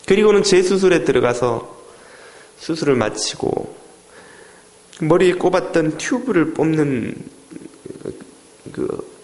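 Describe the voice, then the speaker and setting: Male pastor, middle-aged, dramatic storyteller in the pulpit, raspy fry in a higher-than-usual voice. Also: a little mellow. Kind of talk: sermon.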